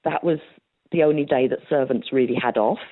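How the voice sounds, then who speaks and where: Speaking fairly quickly in a very deep voice, this historian guest tells stories while answering an interviewer's questions. She laughs a lot and leans on plenty of fillers, and the dry recording sounds tinny, like a phone line.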